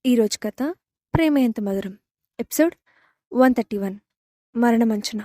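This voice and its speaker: A woman narrating a romance audio story in a steady, even reading voice. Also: a little high, measured pace, no echo, clean studio sound.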